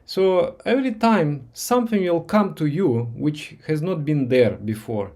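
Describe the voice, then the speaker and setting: His voice is on the high side with lively intonation as this man, originally a Russian speaker, teaches meditation during a live session with viewers. He talks slowly and gently, with many pauses, fillers and repeats.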